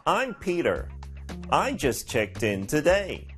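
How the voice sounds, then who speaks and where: A man voicing a friendly young male traveler in a recorded practice dialogue, speaking slowly and deliberately for learners. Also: on the high side, wildly swooping pitch, a bit bright, soft background music, heavily acted. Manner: clear, slow, deliberate delivery for learners.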